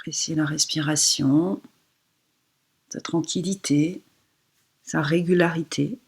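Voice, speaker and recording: In a deep, soft, breathy voice with fairly even intonation, a woman yoga teacher talks listeners through a relaxation meditation, calm and unhurried, with pauses along the way.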